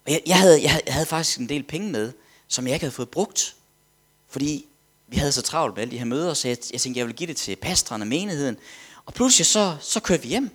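A man's voice: on the high side, expressive, fairly bright tone, slightly rough. A man preaching, telling a story animatedly, acting out quotes and dropping to whispers. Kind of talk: sermon testimony storytelling.

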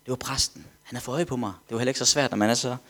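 Preacher telling a lively story. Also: male voice, mid-range voice. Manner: animated storyteller, drops to whispers, acts out quotes. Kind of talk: sermon testimony storytelling.

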